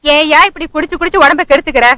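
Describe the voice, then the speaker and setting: A woman's voice: high-pitched, fairly even intonation, fast, pushed and bright, no echo. An actress playing an exasperated wife who scolds her drinking husband in a film comedy scene. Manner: nagging, scolding.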